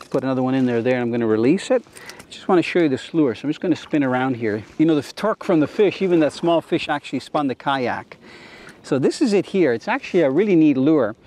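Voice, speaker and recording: A man's voice: fairly high pitch, lively intonation, quick pace, a little mellow. A middle-aged Canadian man giving casual, enthusiastic fishing commentary as show host, explaining things as he goes, speaking outdoors from a kayak.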